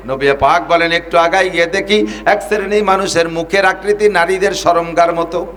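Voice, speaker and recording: A man from Bangladesh delivering a waz sermon in a high, ringing voice. He preaches with passion and climbs to loud cries, and he chants Arabic verses between his lines. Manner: impassioned, rising to loud cries.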